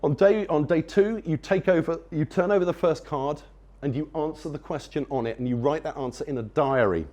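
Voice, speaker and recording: The man at the podium of this conference is brisk, with a higher-pitched, darkish voice. He addresses the crowd with wry enthusiasm, rambling and repeatedly starting his thoughts over.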